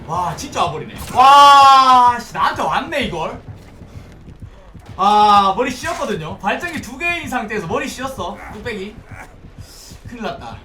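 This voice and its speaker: A young man streaming a horror game, commenting excitedly, swearing often and pleading loudly with his teammates. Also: extremely high pitch, unhurried, soft background music. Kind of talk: live gameplay commentary. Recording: roomy, distant mic, faint background noise.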